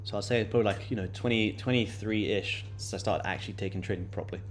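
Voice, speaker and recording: A man in his late twenties runs a day-trading livestream and chats loosely in reply to viewers, repeating words and using many fillers. His voice is on the low side, steady in tone and quick, with slight background noise.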